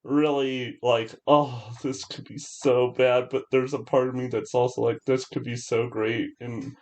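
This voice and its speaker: A podcast co-host chats casually about films, sounding hesitant as he circles back and repeats his own phrases. His voice is medium-pitched with little movement, and he speaks at a measured pace.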